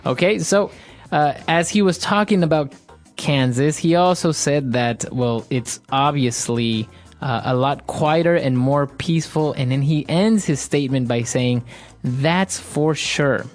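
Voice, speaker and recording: A man's voice: a little high, measured pace, soft background music. A man from Ecuador hosting an English lesson podcast, explaining phrases with everyday examples. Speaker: podcast host, English teacher.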